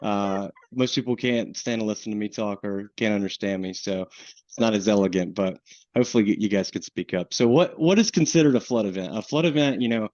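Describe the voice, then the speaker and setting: A man with a Southern US accent leads a webinar in a loose, conversational way, often restarting his sentences. His voice sits low, and it comes over a dull, lo-fi call line with a dry, close sound. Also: a little fast, darkish tone, dry recording. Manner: casual, with frequent restarts and fillers. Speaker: flood insurance program manager, webinar presenter. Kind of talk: webinar presentation.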